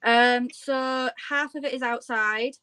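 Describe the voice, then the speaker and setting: A woman's voice: a little high, fairly even intonation, takes it slowly, bright, forceful tone, clear, resonant tone, no room sound. A woman talking casually as a guest in an interview. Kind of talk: casual chat.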